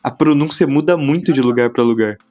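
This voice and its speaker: A man's voice: mid-range voice, fairly quick, a little mellow, faint music behind. A man with a Brazilian accent telling a story in a laid-back, slangy chat. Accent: Brazilian Portuguese. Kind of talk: casual chat.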